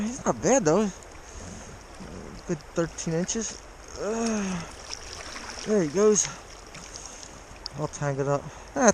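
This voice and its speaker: A man's voice: fairly high pitch, slight background noise. A man fishing in a cold creek, talking through a face mask that muffles his voice, chuckling as he chats to viewers. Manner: excited, chuckling, talks to viewers as he fishes. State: cold, frozen. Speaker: fly-fishing vlogger. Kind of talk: casual running commentary while fishing. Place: outdoors, wading in a creek. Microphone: body or handheld camera.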